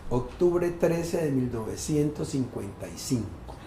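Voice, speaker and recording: A man in his sixties from Colombia's Pacific coast, telling a childhood story in a measured, articulate, lyrical way during an interview. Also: mid-range voice, lively intonation, gravelly, warm tone. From Tumaco, Colombian Pacific coast. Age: 60s. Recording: echoey room with faint background noise.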